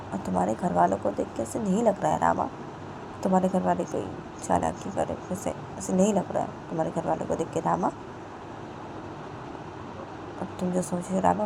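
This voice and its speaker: A woman's voice: fairly low pitch, vocal fry, noisy background. A woman voicing an anxious young woman who fusses and pleads again and again. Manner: fussing, repeats pleas over and over.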